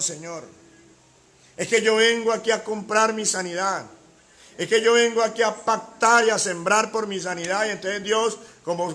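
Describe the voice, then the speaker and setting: A man's voice: sits high, fairly bright tone. A man preaching a sermon as pastor, emphatic, with rhetorical questions and repeated key words.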